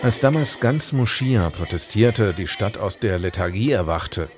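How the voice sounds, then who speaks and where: A man narrating a documentary in the first person as reporter, calm and reflective. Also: on the low side, measured pace, music in the background, crowd noise.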